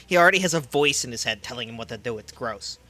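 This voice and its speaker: A man streamer chatting casually while gaming, animated and rambling. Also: mid-range voice, fast talker.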